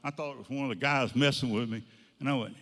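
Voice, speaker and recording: Casual: guy spinning a folksy story, lots of "he goes, I said", mid-pitched voice ringing through a big echoey hall. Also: quick pace, fairly bright tone. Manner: folksy, long chains of "he goes, I said". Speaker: guest speaker. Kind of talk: anecdotal storytelling talk. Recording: long hall reverb.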